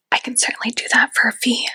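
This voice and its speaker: A woman's voice: bright, forceful tone, no echo. A woman whispering in a chatty ASMR roleplay as a fortune teller, with lots of casual fillers.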